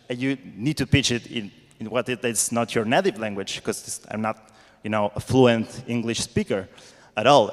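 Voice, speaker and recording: An Italian-accented man speaks as a startup founder on a panel, in an informal and blunt way. His English is halting and non-native, at a medium pitch. The sound rings in a large hall. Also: fairly bright tone. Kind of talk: informal spoken panel answer. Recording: reverberant hall.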